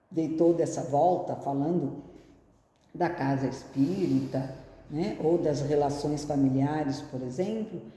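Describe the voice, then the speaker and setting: Slow, mellow woman in an echoey hall. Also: deep voice. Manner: slow, reflective, asks rhetorical questions. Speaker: spiritist speaker. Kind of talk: spiritist talk.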